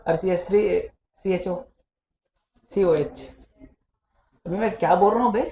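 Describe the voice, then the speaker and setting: A man's voice: high-pitched, measured pace, warm tone. A male physics teacher in a casual classroom lecture, teasing and scolding his students as he talks. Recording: echoey classroom.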